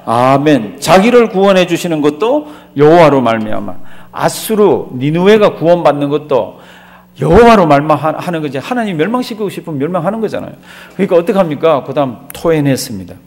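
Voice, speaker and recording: A middle-aged man, a pastor teaching a Bible class, who tells the story in a lively way, acts out the quotes and quizzes his listeners. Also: on the high side, fairly quick. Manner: drops to a quiet murmur at phrase ends. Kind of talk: sermon-style Bible lecture.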